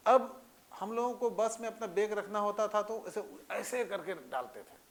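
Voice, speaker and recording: High-voiced man teaching a class. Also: normal speed. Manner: conversational, checking understanding with repeated questions. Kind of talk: classroom lecture.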